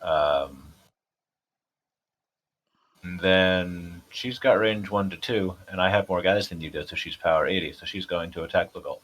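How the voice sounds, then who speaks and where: A man's voice: sits low, unhurried, a bit bright, low-quality recording. A man with a New England accent, playing a card game and chatting casually, laid-back with dry jokes.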